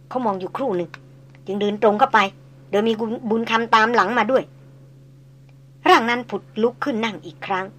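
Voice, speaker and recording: A woman narrates an audiobook novel. Her voice sits on the higher side, and she reads in an unhurried, measured storytelling way. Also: a bit bright.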